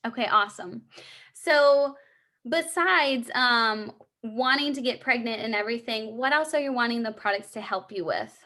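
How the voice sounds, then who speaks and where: A woman's voice: fairly high pitch, normal speed, pushed and bright. A young woman in a three-way phone call sales role-play, explaining and encouraging in an upbeat, conversational way. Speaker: supplement sales consultant.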